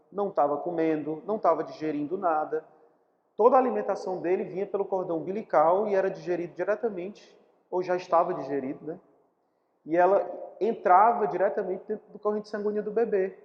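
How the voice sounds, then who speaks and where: Brazilian man lecturing in a reverberant hall. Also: high voice. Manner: explanatory, repeats key words for emphasis. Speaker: spiritist lecturer. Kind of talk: live public talk. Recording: dull recording in a reverberant hall.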